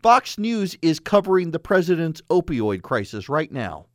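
A man's voice: on the high side, big pitch swings, normal speed, no echo, studio quality. A man hosting a radio talk show, speaking conversationally and emphatically, with slightly hissing s sounds. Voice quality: slightly hissing, sibilant s from dental braces. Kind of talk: conversational monologue and sponsor read.

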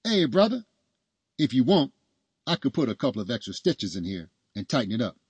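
A man's voice: on the low side, expressive, fast talker, breathy edge, no room sound. A man voicing a boastful, flamboyant middle-aged male doctor with a cocky, showy manner.

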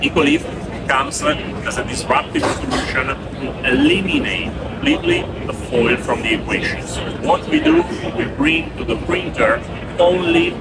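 A man from Italy, explaining his product slowly with many pauses, heard as a low quality stream. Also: big pitch swings. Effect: low quality stream, muffled and distant. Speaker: guest, sales director. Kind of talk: explanatory trade interview. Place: trade show floor. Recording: distant lo-fi audio with loud trade-show noise.

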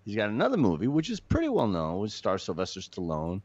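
A filmmaker guest on a casual podcast chats animatedly, swearing, joking and at times getting choked up. His voice is on the low side, fast and a bit breathy. The recording is dry with no room sound, and has a dull lo-fi quality.

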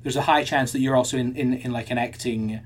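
A man's voice: mid-range voice, steady tone, fairly quick. A man co-hosting a podcast in casual chat, thinking aloud with frequent restarts and repeated words. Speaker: podcast co-host.

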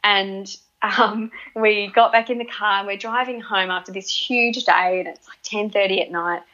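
A woman's voice: medium pitch, fairly even intonation, moderate pace, sharp tone. A woman with an Australian accent talking casually as an interview guest, often repeating words and restarting phrases as she thinks aloud. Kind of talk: relaxed conversational interview. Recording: slightly dull, lo-fi audio.

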